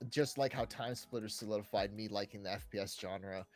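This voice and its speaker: Over background music, another man co-hosting the podcast speaks a little fast in a fairly low voice. He's casual and excited as he discusses favourite games, dropping "right" and "like" constantly.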